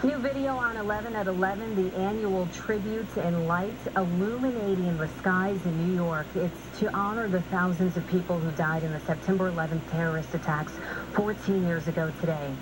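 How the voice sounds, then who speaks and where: A woman's voice: lowish voice, normal speed, noisy background. A woman reading scripted news as an anchor, re-recorded from a television in a room.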